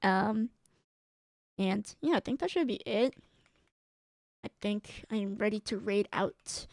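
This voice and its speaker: A woman's voice: mid-range voice, slow, a little mellow, no echo. A woman streamer chatting casually as she signs off, giggly and rambling, with a strained, tired voice. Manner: giggly and rambling, with frequent laughs and fillers. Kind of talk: casual stream sign-off chat.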